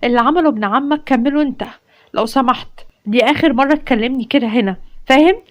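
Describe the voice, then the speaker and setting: A woman's voice: high-pitched, expressive, fast, dull audio, voice pushed up. A woman with an Egyptian Arabic accent voicing a proud, modest young woman who answers with firm indignation. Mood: indignant.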